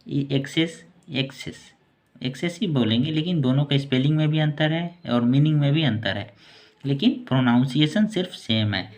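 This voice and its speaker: A man teaching English vocabulary in a casual, repetitive way, saying each word slowly and repeating it. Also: mid-range voice. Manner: slow, repetitive word-by-word explaining.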